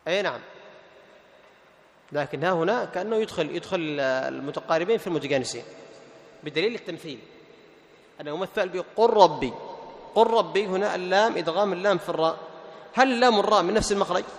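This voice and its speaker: A male Quran teacher explaining tajweed rules to a class. He asks questions, answers them himself, repeats the key terms and slows down to recite the verse examples. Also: high voice, expressive. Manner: recites verses slowly and melodically. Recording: long hall reverb.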